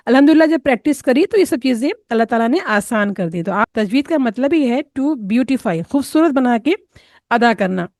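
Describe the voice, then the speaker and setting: A woman gives a patient tajweed lesson, sounding out each letter slowly and slipping English words into her explanations. Her voice sits a little high. It is recorded close and dry, with no room sound. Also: animated, darkish tone, no echo. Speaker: Quran recitation teacher.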